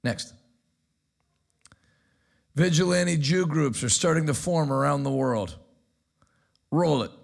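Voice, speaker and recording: A man's voice: fairly high pitch, slow pace, vocal fry, pauses often. A man hosting a news commentary show, brash and sarcastic, introducing clips with punchy remarks. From United States. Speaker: host. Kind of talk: energetic commentary.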